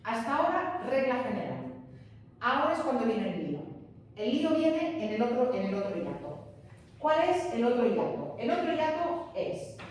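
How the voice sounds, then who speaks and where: A woman's voice: a little high, a little mellow, distant mic, a little hiss or hum. Woman teacher in an echoey hall. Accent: Spain Spanish. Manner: patient, emphatic, checks in with students. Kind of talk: classroom grammar lesson.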